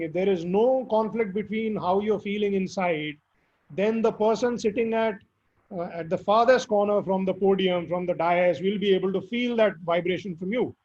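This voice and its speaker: A man with a hoarse, squeaky voice from recent illness, answering interview questions earnestly and emphatically. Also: a little mellow. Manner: earnest, emphatic advice with fillers. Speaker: guest speaker. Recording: dull lo-fi audio.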